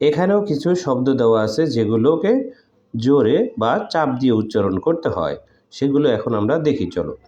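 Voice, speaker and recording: A man teaching an English lesson in a classroom style, explaining in Bengali and reading English sentences slowly with deliberate stress, pausing on fillers. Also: mid-range voice, big pitch swings, mellow, echoey room, muffled recording. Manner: hesitant fillers between phrases.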